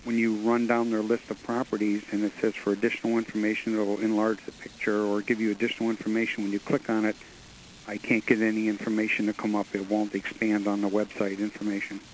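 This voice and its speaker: A man's voice: fairly low pitch, completely flat delivery, quick pace, slight background noise, rough recording. A man from New York calling in to a radio show, hesitantly asking for computer help and unsure of the technical terms. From New York, USA. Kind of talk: call-in question to a tech help show.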